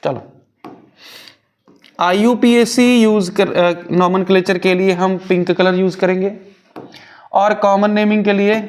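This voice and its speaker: A man's voice: high voice, fairly even intonation, measured pace, long pauses. A male chemistry teacher, explaining step by step and asking and answering his own questions. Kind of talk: Hindi-English chemistry lecture.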